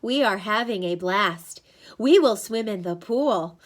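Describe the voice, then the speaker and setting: A woman's voice: medium pitch, expressive, a little slow, lightly acted. A woman voicing blank, entranced cruise passengers and crew in a stilted, glassy recitation. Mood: blankly content.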